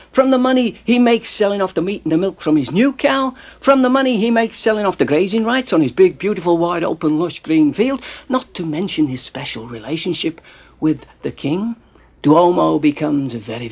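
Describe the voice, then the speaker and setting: Gravelly husky guy telling a story, high voice, swings all over, dramatic hushed bits. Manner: animated, theatrical pacing with hushed drops. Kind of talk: storytelling narration.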